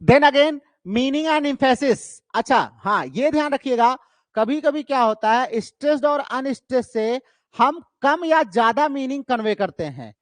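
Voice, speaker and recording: High-voiced Indian man teaching in a dry room. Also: expressive, dry recording. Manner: explains step by step, asks and answers his own questions; slows down to read English terms. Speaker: English literature teacher. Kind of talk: exam-prep lecture.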